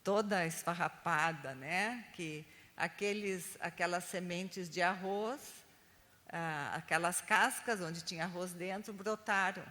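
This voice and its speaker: A woman's voice: on the low side, takes it slowly, fairly bright tone, big-room sound. An older woman training Sunday school teachers, telling stories and checking in with her listeners often. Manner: chatty, keeps adding "né?" tags. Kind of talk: teaching a training class with storytelling.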